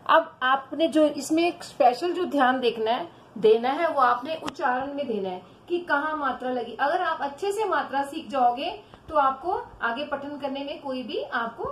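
A woman teacher giving a children's Hindi phonics lesson, drawing syllables out slowly and calling the children "beta". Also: high voice. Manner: slow, drawn-out syllables for children. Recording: echoey room with faint background noise.

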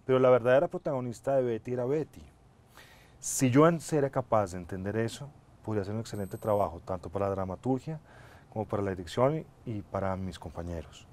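A middle-aged man, an actor being interviewed on a TV studio set, answering in a reflective, measured and earnest way on a lapel mic. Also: fairly low pitch, a little mellow. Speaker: actor guest. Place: TV studio set, seated in armchair.

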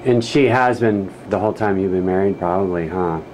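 A man's voice: deep voice, fairly quick, darkish tone, slight background noise, poor audio. A man asking questions as the interviewer in a casual, conversational interview.

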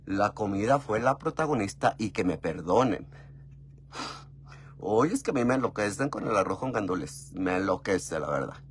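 A man with a Mexican Spanish accent telling a casual, gossipy story, often calling the listener "mi amor", with big jumps in pitch and loudness. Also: very animated, moderate pace, slight background noise. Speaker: vlogger.

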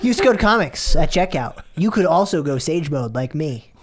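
A man's voice: on the high side, sing-song, moderate pace, a crowd in the background. A young man playing in a tabletop game show, bantering casually into a close studio microphone. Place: small studio, indoors.

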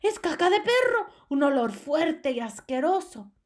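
A woman reading aloud and voicing a crowd of witches who shout in disgust. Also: high voice, very animated, measured pace, voice pushed up. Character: chorus of disgusted shrieking witches. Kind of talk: storybook reading.

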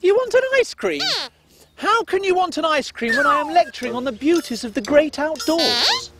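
Excitable high-pitched male kids show host. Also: moderate pace. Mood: flustered. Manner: kids show host, exclaiming and mock-stern. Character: fussy, excitable man leading children's camping trip. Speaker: children's TV show presenter. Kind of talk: scripted children's comedy acting.

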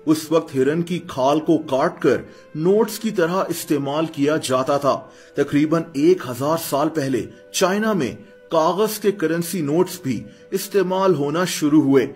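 A man's voice: on the high side, unhurried, a little mellow. A man narrating a scripted explainer voice-over, often calling the viewers his friends as he explains things step by step. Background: faint background music.

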